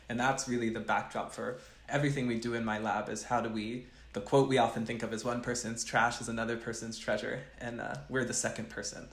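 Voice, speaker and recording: A man's voice: medium pitch, a bit bright, echoey room. A young man, a chemical engineering professor, answering interview questions in an earnest, thoughtful way, often restarting his sentences. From grew up between West Africa and the US East Coast.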